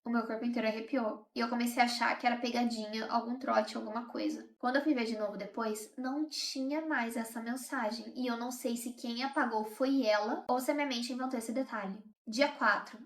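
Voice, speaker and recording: Woman hosting horror readings, brisk and fairly high-voiced, in an echoey room. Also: steady tone. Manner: tense, confiding storytelling. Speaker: horror channel host. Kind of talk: first-person horror story reading.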